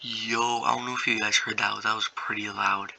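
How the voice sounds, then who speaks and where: A man's voice: on the low side, level tone, moderate pace, vocal fry, sharp tone, slight background noise, low-quality recording. A young man casually improvising a story, rambling and slangy, with many fillers.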